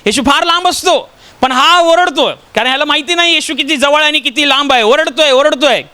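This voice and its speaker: Preaching with a very high, bright and forceful voice at a brisk pace, a Maharashtrian man from India shares stories and puts rhetorical questions to his congregation.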